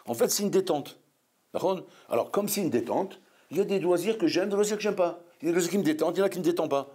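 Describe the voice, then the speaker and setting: A man, a rabbi, preaching a sermon in a lively, scolding way full of rhetorical questions. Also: sits high, rapid-fire, slightly rough.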